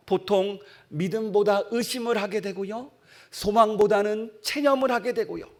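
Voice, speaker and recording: Man, pastor, high-pitched voice, impassioned evening sermon, loud appeals and soft lines, reads scripture aloud.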